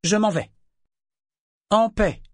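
A man's voice: high voice, slow, dry recording, clean studio sound, pitched above the performer's own voice. A man voicing a young merchant woman who speaks out, raised and urgent. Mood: firm.

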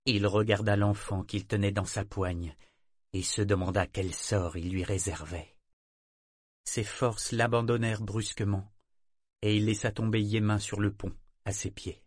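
Brief: male audiobook narrator, steady and measured, low-pitched, dry close recording. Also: no room sound. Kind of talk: scripted narration.

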